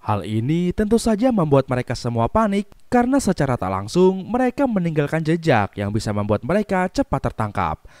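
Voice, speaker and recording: A man's voice: on the high side, very animated, brisk, darkish tone, dry recording. A man narrating a scripted film recap.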